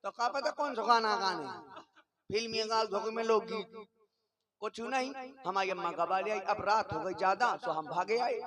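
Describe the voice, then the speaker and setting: A man with a Bundeli accent telling a comic story on stage, with a rustic, playful delivery and childish voices he puts on. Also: sits high. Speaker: stage comedian. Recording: live stage show with crowd noise.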